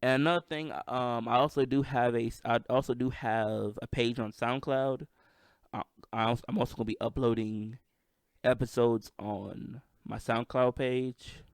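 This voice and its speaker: A man's voice: medium pitch, steady tone, measured pace, clear, resonant tone, dry recording, clean studio sound. A man with a slight lisp and a stutter, hosting a casual solo podcast, hyped and self-deprecating. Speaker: podcast host. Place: at home with microphone.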